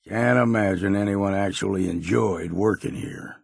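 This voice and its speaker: A male actor playing a grizzled old hunter in a video game, folksy and wary, with gruff good humor and a gravelly voice. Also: low voice, moderate pace, dry recording, clean studio sound, full character voice. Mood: musing, scornful. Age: older. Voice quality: gravelly, husky. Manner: folksy, drawling old-timer phrasing. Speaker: video game companion character. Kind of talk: scripted game voice lines.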